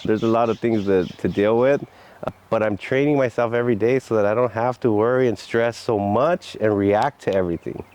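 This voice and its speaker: A man's voice: lowish voice, a little fast, a little mellow, rough recording. A man giving earnest, encouraging talk in a motivational vlog. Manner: earnest and encouraging, with frequent laughs. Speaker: vlogger.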